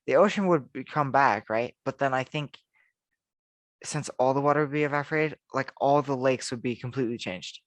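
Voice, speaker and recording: A man's voice: mid-range voice, normal speed, no room sound. A man co-hosting a casual podcast, musing aloud and often restarting his sentences. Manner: rambling, thinks aloud with restarts. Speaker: podcast co-host. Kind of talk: casual chat.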